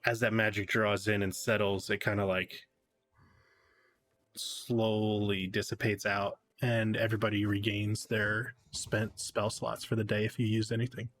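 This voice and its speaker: A man narrating as game master of a tabletop game, halting with many fillers. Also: fairly low pitch, little pitch movement, fairly bright tone.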